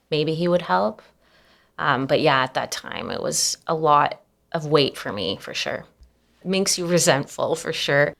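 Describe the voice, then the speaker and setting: A young adult woman speaking as an interview guest, soft-spoken and reflective, with many fillers and nervous little laughs. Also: sits low. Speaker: anonymous guest. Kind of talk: candid personal interview.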